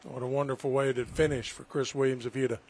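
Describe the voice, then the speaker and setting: A man's voice: medium pitch, level tone, quick pace, a little mellow, slight background noise. A man giving conversational golf commentary as an agreeable co-commentator.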